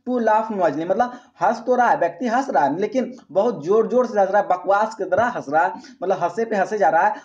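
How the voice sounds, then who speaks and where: A man's voice: sits high, a little mellow, dull audio. A man teaching English vocabulary in an exam-prep lesson, asking his students questions and repeating the answers. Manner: repetitive question-and-answer teaching, asks "friends" often.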